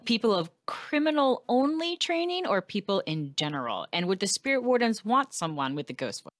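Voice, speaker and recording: Animated woman playing a tabletop game. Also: medium pitch, moderate pace, no echo, clean studio sound. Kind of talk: casual in-game chat.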